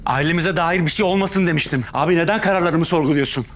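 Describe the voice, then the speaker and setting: An actor playing a younger brother and son who leads his family, intense and reproachful, his voice rising to shouts. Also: lowish voice, brisk, a little hiss or hum, close to an everyday voice. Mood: angry. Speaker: family leader in a TV drama. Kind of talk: TV drama acting. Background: dramatic music score.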